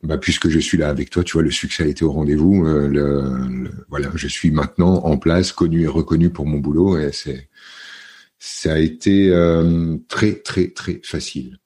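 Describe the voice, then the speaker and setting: A middle-aged man from France, a podcast guest, telling his story in casual interview talk, halting often with fillers and restarts. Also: very deep voice, steady tone, dark tone, husky.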